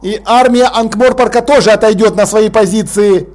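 A stubborn watch commander, as a male narrator plays him, blunt and dry, issuing orders in a fairly high man's voice. He sounds firm and unimpressed throughout. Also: normal speed, darkish tone, lightly acted. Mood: commanding.

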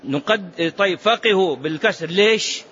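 A man's voice: a little high, a little fast, fairly bright tone. A man teaching a religious lesson to seated students. He repeats key phrases and quizzes his listeners. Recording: muffled lo-fi recording with faint noise.

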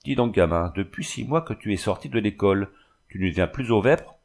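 A man reading as a gentle village priest. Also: on the low side, animated, fairly quick, creaky. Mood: coaxing. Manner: coaxing, paternal scolding. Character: kindly middle-aged village priest, gently firm.

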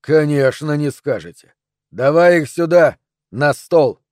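A man voicing a menacing male thug with a split personality, gruff and contemptuous. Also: a little high, animated, measured pace, a little mellow, no room sound, clean studio sound.

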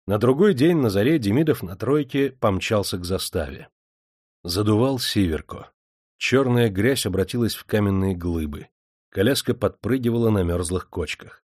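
A man's voice: lowish voice, animated, moderate pace, darkish tone, no room sound, studio quality. A man reading an audiobook aloud, expressively narrating.

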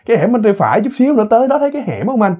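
A man's voice: high voice, very animated, very fast, a little mellow, voice pushed up. A man voicing a sweet, coaxing young woman passenger giving directions.

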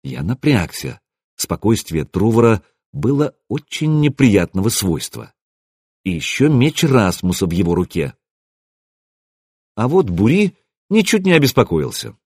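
Man, audiobook narrator, husky, expressive, dry recording. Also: lowish voice, unhurried, no room sound. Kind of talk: first-person audiobook narration.

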